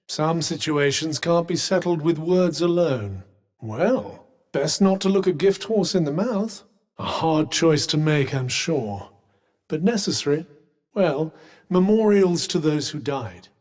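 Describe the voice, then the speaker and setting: A man's voice: on the high side, lively intonation, unhurried, a little mellow. A British man playing a sardonic, erudite sentient magical cuff in a video game, speaking formally with dry condescension. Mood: dry, resigned. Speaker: video game companion character. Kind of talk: scripted video game dialogue. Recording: long echoing reverb.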